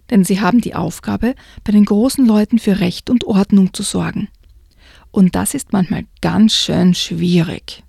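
Woman with a gravelly, husky, warm voice. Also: mid-range voice, no echo, clean studio sound. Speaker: book reviewer. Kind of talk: reading a children's book aloud and discussing it.

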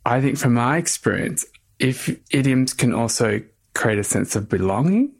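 A man's voice: medium pitch, expressive, moderate pace, vocal fry, loud music behind the voice. A man thoughtfully explaining an idea with personal examples and the occasional restart. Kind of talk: reflective explanation.

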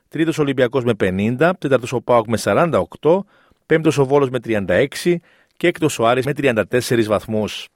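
A man's voice: mid-range voice, no echo, studio quality. A man reading a scripted sports results bulletin as a news presenter.

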